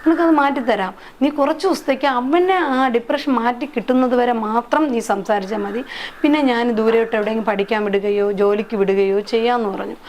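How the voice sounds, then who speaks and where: Middle-aged woman, kinda high voice, halting and repeating herself, faint noise behind. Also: darkish tone. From Kerala, India. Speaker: interviewee, mother. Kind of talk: emotional personal account.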